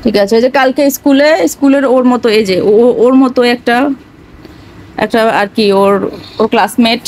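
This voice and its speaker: A young woman speaks in a high, bright voice. She coaxes her crying child with soft, repeated endearments. Her talk sounds weary and distressed. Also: moderate pace, rough recording. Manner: tender, coaxing, repeating endearments. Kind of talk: home vlog, soothing a crying child.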